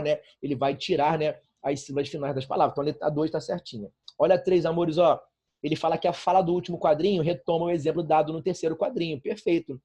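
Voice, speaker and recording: A man's voice: on the high side, dark tone, slightly rough. A man teaching a writing class online to students, talking casually and constantly checking in with his listeners. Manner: chatty, filler-heavy, frequent rhetorical checks.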